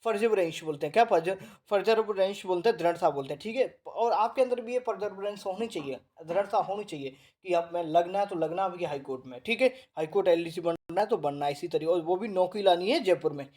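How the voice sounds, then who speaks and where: A male coaching teacher with an Indian accent who reads English definitions haltingly, explains them in Hindi and keeps checking in with his class. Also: sits high, darkish tone. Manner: repeats tag questions to the class; stumbles over English words. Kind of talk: online vocabulary lesson.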